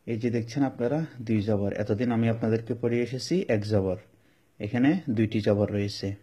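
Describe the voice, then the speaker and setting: A man's voice: on the low side, dark tone, breathy edge. A man with a Bangladeshi Bengali accent teaching Quran reading, explaining each rule patiently and repeating it several times. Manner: drawn-out chanted Arabic examples. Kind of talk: step-by-step recitation lesson.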